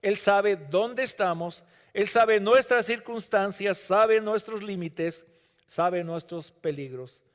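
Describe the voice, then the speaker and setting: High-voiced preaching man in a reverberant hall. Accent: Latin American Spanish. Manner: swings between hushed, drawn-out lines and rising, emphatic calls. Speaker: pastor. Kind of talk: sermon. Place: church sanctuary.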